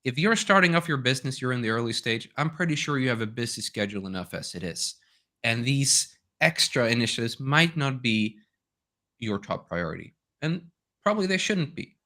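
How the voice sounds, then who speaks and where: Giving a webinar talk as a guest expert on domains, this Swedish man keeps things conversational, shares anecdotes, and often ends his points with "right?". He speaks fairly fast in an expressive, mid-range voice that is pushed and bright.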